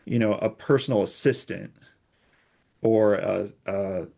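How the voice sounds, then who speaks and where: Speaking as the interview's expert guest, this male security researcher walks through technical ideas using hypothetical scenarios. He sounds low, gravelly and mellow, and he takes his time.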